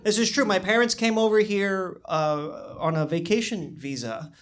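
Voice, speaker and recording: A young man doing a stand-up comedy set in a small club, talking into a handheld microphone with a dry, understated delivery and halting restarts. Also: high voice, a bit bright. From born in China, raised in the US. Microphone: handheld stage microphone.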